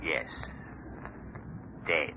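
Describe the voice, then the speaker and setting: An actor playing a stern, righteous shadowy avenger with grave, theatrical delivery in an old radio crime drama. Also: male voice, extremely slow. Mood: solemn judgment. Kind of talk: 1930s-40s radio crime drama acting. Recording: noisy, dull old radio recording.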